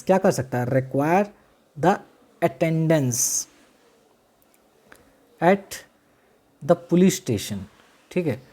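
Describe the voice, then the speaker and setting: A man delivers a law lecture to students in a high-pitched, slightly mellow voice. Hindi mingles with English legal vocabulary as he slowly repeats the main phrases and quizzes the class.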